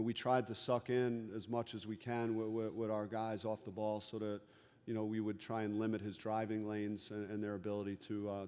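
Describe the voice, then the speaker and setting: Flat-voiced middle-aged coach in a reverberant room. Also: male voice, lowish voice, smooth. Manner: measured, frequent restarts and "you know" fillers. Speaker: head basketball coach. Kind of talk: postgame press conference answers. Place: press conference room. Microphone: table microphone. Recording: long reverb of a large room.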